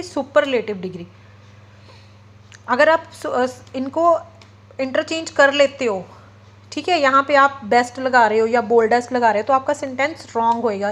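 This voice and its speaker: Female grammar teacher, slightly high voice, patient step-by-step explainer. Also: low-quality recording. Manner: explains step by step, often checks with "ठीक है" and "okay"; mixes English terms into Hindi. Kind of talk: classroom lecture.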